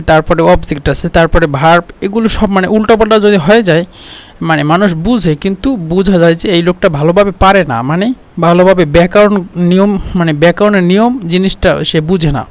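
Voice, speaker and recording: A man teaching a casual spoken language lesson, explaining slowly with many fillers and repeating his examples. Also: high voice, dry recording. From Bangladesh.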